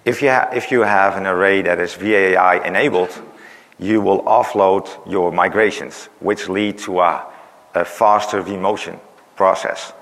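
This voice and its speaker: This conference presenter sits low in pitch, with fairly even intonation and a fairly bright tone, speaking a little slowly. He's losing his voice during a technical talk, explaining with many "uh"s and "right?" tags, recorded in a reverberant large hall.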